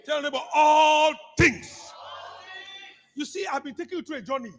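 A man preaching a sermon, calling out to the congregation and repeating phrases, swinging from hushed asides to shouts. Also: very high-pitched, lively intonation, very fast, a faint crowd. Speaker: apostle preaching.

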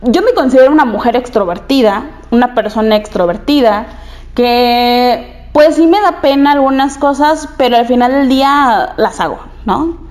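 A woman's voice: on the high side, lively intonation, normal speed, a little mellow. A young woman, telling a personal story candidly and repeating phrases for emphasis.

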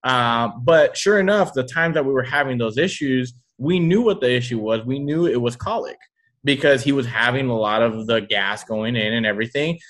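A man's voice: mid-range voice, normal speed, a bit bright. A man co-hosting a casual chat, talking in a joking, conversational way with plenty of fillers. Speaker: podcast co-host.

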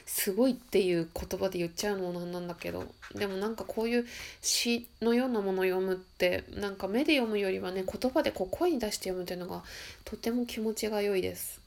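A woman with a stuffy nose, slowly reading a prayer aloud and chatting softly about it between passages. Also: medium pitch, gravelly, slight background noise. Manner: soft, musing, slow and careful when reading. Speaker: podcast host reading a text aloud.

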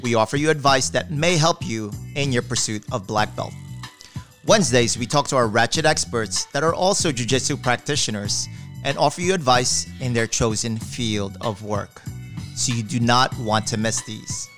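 A man's voice: medium pitch, moderate pace, a bit bright, faint music behind. A man from the Philippines hosting a podcast in casual, friendly, rambling talk. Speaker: podcast host.

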